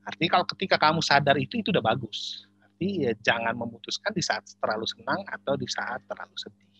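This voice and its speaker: A church speaker answering questions in an animated, teasing way and joking often. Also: male voice, mid-range voice, fast talker, slightly rough, no echo, lo-fi sound. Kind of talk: joking discussion talk.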